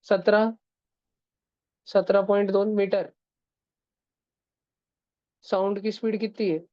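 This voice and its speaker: A woman's voice: mid-range voice, little pitch movement, slow, no room sound, dull audio. A woman teaching physics in a casual classroom style that has in it. She keeps checking that her students are following. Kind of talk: classroom lecture.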